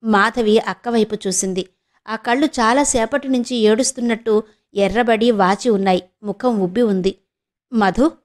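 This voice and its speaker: A woman's voice: on the high side, normal speed. A woman from Andhra Pradesh narrating a serialized novel as an audiobook, reading steadily. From Andhra Pradesh, India.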